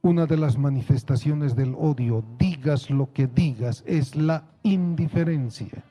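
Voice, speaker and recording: Slow, husky-voiced male preacher. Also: a little high, dark tone, soft background music. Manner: slow, deliberate preaching with rhetorical questions. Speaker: pastor. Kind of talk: sermon.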